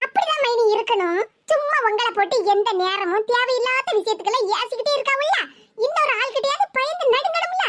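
A woman's voice: very high-pitched, lively intonation, brisk, heavy background noise. A woman voicing a bold, outspoken young daughter in a cartoon, teasing in a Kanyakumari Tamil accent.

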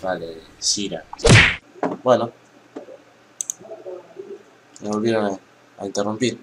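A man's voice: fairly low pitch, unhurried, background noise. Foul-mouthed Argentine guy ranting over gameplay. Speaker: gamer. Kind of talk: gameplay commentary. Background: game music and sounds.

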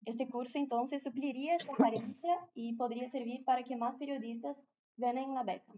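Her high-pitched, warm voice keeps a steady tone at normal speed as this Brazilian woman, accented in Portuguese, presents at a conference in a large room. The audio is dull, and she is careful, with many hesitations and restarts.

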